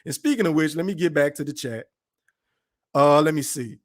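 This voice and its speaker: With a slightly high voice, lively intonation and a normal pace, a Dallas-Fort Worth man with a Texan accent goes on a casual rant during his podcast livestream, reading chat messages and giving blunt opinions full of profanity.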